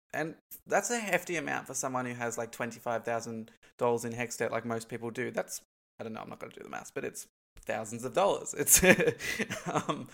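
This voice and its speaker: A young Australian man, a vlogger, chats casually to camera with a stuffy, congested nose. His medium-pitched voice is creaky with a fairly bright tone, and he rambles through lots of ums and likes, laughing between points.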